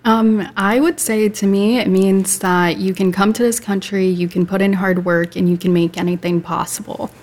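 A woman's voice: medium pitch, fairly even intonation, moderate pace, few pauses, a little mellow. A woman in her twenties, a psychiatrist on a panel, speaking confidently and articulately. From United States. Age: 20s. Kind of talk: casual discussion.

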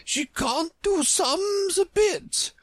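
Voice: sits high, wildly swooping pitch, slow, dry recording, voice pushed up, full character voice. A reader voicing an imperious, contrary chess queen, a woman who scolds with pompous emphasis in a storybook. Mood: emphatic.

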